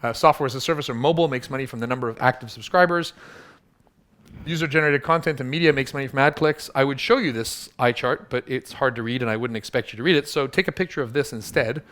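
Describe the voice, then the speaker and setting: Male workshop speaker, quick delivery, punchy and teasing with the audience. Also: mid-range voice, a bit bright. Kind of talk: live workshop talk.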